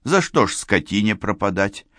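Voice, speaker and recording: A man narrating an audiobook in a measured, steady storytelling manner, recorded close to the mic. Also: on the low side, no echo.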